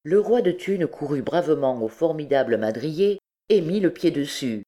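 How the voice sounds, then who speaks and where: A woman reading a classic novel aloud, in steady, measured narration. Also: low voice. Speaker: audiobook reader.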